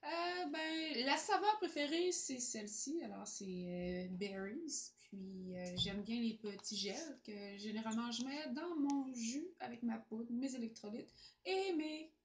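Halting Quebec French woman, echoey room. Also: on the high side. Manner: hesitant, many fillers and restarts. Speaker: sponsored athlete. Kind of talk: casual on-camera testimonial. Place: small room indoors, at a table. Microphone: camera in front, seated.

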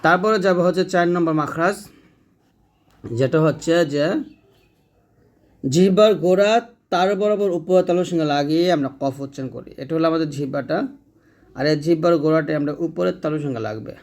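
Slow man teaching sounds. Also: on the high side. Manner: slow, demonstrates sounds by drawing them out. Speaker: Quran recitation teacher. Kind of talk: explanatory lesson.

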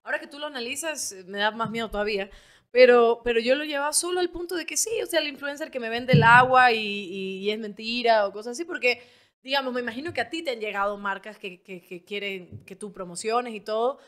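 Ecuadorian woman host, chatty and emphatic, slightly high register. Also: a little fast, fairly bright tone. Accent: Ecuadorian Spanish. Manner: chatty, emphatic, frequent restarts. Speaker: podcast host. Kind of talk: casual interview chat.

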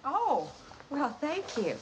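An actress playing an effusive, gushing neighbor wife in a 1970s sitcom. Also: female voice, high voice, huge pitch swings, takes it slowly, exaggerated voice. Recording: hissy 1970s TV broadcast.

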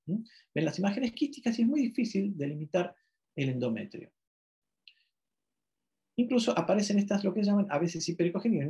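A man's voice: a little high, gravelly, mellow. A man from Argentina giving a medical ultrasound lecture, explaining step by step with frequent checking questions and self-corrections.

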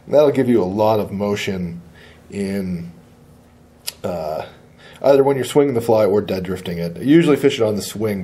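A man demonstrating fly tying at a shop bench. He talks in a relaxed, plain-spoken way and often says uh. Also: low voice, a little hiss or hum.

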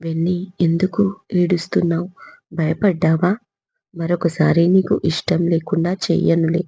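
Woman narrator doing a gentle anxious young man, dark-toned, storybook read on a dry mic. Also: deep voice, little pitch movement, moderate pace, gravelly, slightly rough, no room sound, full character voice. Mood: anxious, soothing. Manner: coaxing, soothing. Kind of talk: audiobook character reading.

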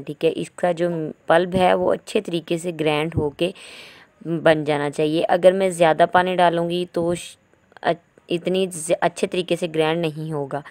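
This cooking channel host voices over a home cooking tutorial with a fairly low, darkish, clear and resonant tone. Chatty throughout, she explains every step and regularly drops in "theek hai."

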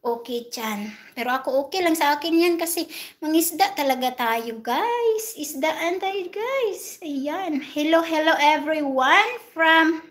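A woman's voice: sits high, lively intonation, unhurried, fairly bright tone. A young woman, hosting a casual livestream and chatting as she reads and thanks viewers one by one. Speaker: livestream host. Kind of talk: casual livestream chat reading viewer comments.

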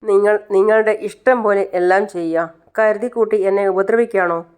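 Frustrated young daughter, sharp reproach, as a woman narrator puts her on. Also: mid-range voice, fairly even intonation, moderate pace, clear, resonant tone, close to an everyday voice. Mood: reproachful.

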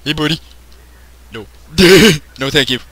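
A man's voice: fairly high pitch, slow pace, fairly bright tone, no echo. A man giving casual, joking commentary while playing a video game, swearing and laughing at what happens on screen. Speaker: let's play gamer.

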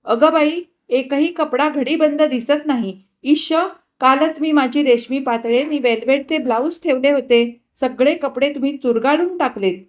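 A woman voicing a fussy, stubborn young wife who chatters quickly and scolds. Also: high voice, pitched above the performer's own voice, natural voice. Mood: scolding.

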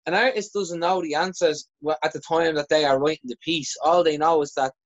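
A man's voice: on the high side, steady tone, a little fast, dry recording. Reflective Irish man, dry dull sound. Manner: reflective, frank, with restarts. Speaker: poet guest. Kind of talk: casual podcast chat.

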